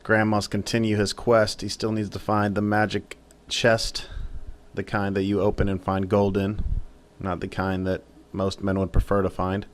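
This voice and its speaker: A man's voice: fairly low pitch, completely flat delivery, normal speed, a little hiss or hum. A man narrating a video game playthrough in a casual, irreverent, joking way with plenty of swearing. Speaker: let's play narrator. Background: game music.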